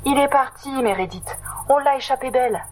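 Little male mouse, kind, touchy, high and stammering; storybook; woman voices him. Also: a little fast, low-quality recording. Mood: relieved. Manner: high, timid, stammering when scared.

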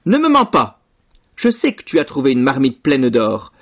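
A man voicing an angry, bullying rich lord who shouts and domineers. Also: mid-range voice, very animated, normal speed. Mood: furious. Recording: dull lo-fi recording.

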